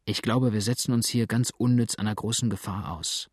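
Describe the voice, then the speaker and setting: A man voicing a wary, grumbling male fugitive who mutters in a low, hushed voice. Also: fairly even intonation, fairly quick, breathy edge, dry recording, studio quality.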